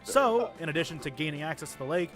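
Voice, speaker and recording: A man's voice: on the high side, lively intonation, fast, over music. A man hosting a game stream, reading the story aloud playfully and laughing often. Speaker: stream host, narrator of the game.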